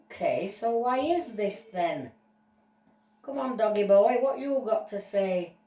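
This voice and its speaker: A woman voicing a stern TV judge who lectures slowly in a playful toy-play story. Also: mid-range voice, lively intonation, dark tone, distant mic, lightly acted. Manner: slow, lecturing, drawn out. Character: stern slow-talking TV judge. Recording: roomy echo, voice off-mic.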